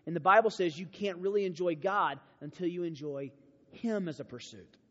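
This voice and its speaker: High-voiced preacher in a reverberant hall. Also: male voice, normal speed. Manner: animated storytelling preacher, swings from hushed to emphatic. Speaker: youth camp speaker. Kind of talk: sermon. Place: large church auditorium. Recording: dull sound with long hall reverb.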